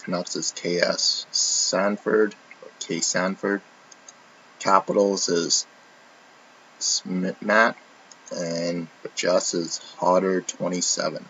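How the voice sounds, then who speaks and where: A man's voice: deep voice, flat delivery, slow pace, a bit bright. A man hosting a live trading-card box break, casually reading out a long list of teams and names, correcting himself often. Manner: reads off a long list of names, with frequent restarts. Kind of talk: casual live-stream commentary. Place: indoor room. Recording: dull lo-fi stream audio with faint noise.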